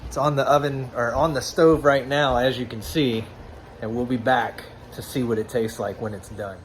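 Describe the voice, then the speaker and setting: Easygoing Southern man from Louisiana, mid-pitched, hosting a home kitchen vlog with loose, rambling chatter. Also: steady tone, moderate pace, a little hiss or hum. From Louisiana, USA. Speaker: channel host. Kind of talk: casual cooking vlog.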